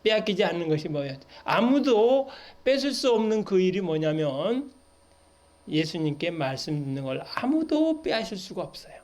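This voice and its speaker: Korean-speaking man preaching, fairly high voice. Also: sing-song, moderate pace, a little mellow. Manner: reads scripture aloud, then asks the congregation frequent questions. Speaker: pastor. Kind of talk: Bible study sermon. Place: church worship hall.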